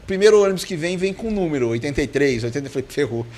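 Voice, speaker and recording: A Brazilian Portuguese man on a podcast, telling stories in a fairly high voice that swings up and down a great deal. He acts out every bit of dialogue and keeps breaking into laughter. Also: lively intonation, rapid-fire, a little mellow. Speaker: podcast guest. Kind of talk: casual storytelling in a podcast interview.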